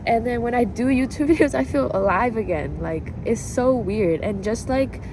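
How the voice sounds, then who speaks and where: This woman vlogger's voice is on the high side and animated, at a normal pace, with background noise present. Chatting confessionally to camera, she drifts and reflects, repeats herself, and says "like" a lot.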